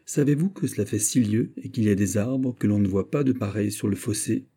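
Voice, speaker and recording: A man's voice: fairly low pitch, brisk, dark tone. A man narrator voicing a proud, plain-spoken Breton fisherman, in an earnest, firm manner.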